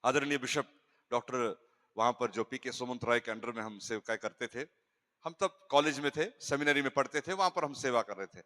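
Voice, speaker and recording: Animated male pastor in an echoey hall. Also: medium pitch, normal speed. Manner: animated storytelling with jokes and interjections. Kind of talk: humorous sermon. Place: church hall.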